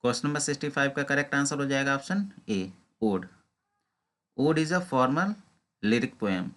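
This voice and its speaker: A man with an Indian accent teaching an exam prep lesson, reading English questions out slowly and explaining them in Hindi. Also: mid-range voice, a bit bright.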